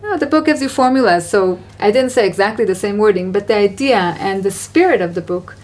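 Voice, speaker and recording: A woman hosting a casual Q&A conversation, talking about parenting in an earnest, reflective and gently encouraging way. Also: mid-range voice, expressive, a little fast. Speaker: parenting advice host.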